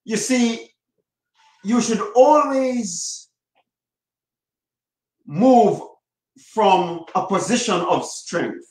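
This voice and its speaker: A high-voiced man coaching on relationships, talking slowly and leaning hard on each point. He repeats his key phrases for weight. The sound bounces around an echoey room. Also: animated, a little mellow. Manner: emphatic, repeats key phrases with slow drawn-out stress. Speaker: marriage coach. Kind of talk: advice talk to camera.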